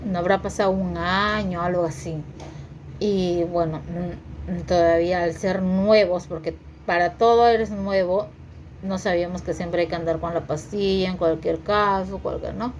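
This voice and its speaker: Halting, low-voiced woman. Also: a little mellow, slight background noise. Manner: halting, repeats words, many fillers. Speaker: vlogger sharing her story. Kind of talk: personal storytelling to viewers.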